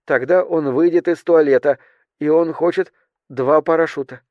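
A man voicing a young female flight attendant who reports in a hushed, tense way. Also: fairly high pitch, fairly even intonation, normal speed, no echo, highs cut off, lightly acted.

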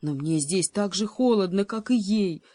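A woman voicing a boastful, greedy male cheetah who shouts and growls in desperation. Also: low voice, unhurried, dry recording. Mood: complaining.

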